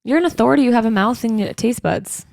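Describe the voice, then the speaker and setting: A woman's voice: on the high side, fast talker, gravelly, darkish tone, no room sound, clean studio sound. A woman co-hosting a podcast in casual chat, playful and teasing in manner. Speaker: podcast co-host.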